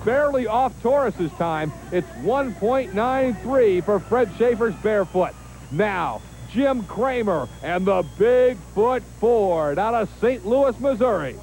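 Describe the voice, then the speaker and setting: A man with a high-pitched voice announces in the manner of a tractor pull and monster truck commentator. His delivery is emphatic and promotional, like a motorsport TV host at work. The recording is noisy, with engines behind him. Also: lively intonation, takes it slowly, a little mellow. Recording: noisy TV audio with engine noise.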